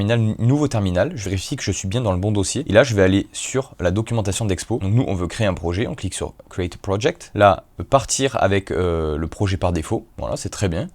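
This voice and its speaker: Fast-talking low-voiced man walking through a tutorial. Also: darkish tone. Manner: quick, chatty, many fillers like euh and hop. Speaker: tech tutorial creator. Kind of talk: casual screen-recorded tutorial.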